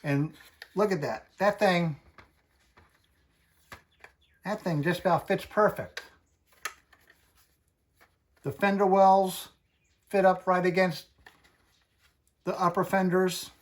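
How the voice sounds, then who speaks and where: A man hosting a hobby channel, talking through a casual tutorial in a chatty, folksy, unhurried way. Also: high voice, fairly even intonation.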